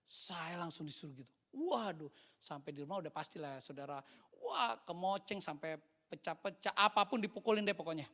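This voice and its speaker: A man's voice: sits high, expressive, brisk, pushed and bright. A man, a pastor preaching a sermon in a church service and telling his own story, with English words mixed into his talk. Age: 50s. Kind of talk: sermon with personal testimony.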